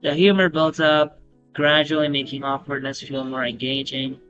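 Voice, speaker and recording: A man breaks down a comedy clip in voice-over, explaining in a halting way with fillers. His voice sits mid-range. The audio sounds a touch dull, with faint music underneath. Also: mid-range voice, little pitch movement. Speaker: video commentator. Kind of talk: analytical voice-over commentary.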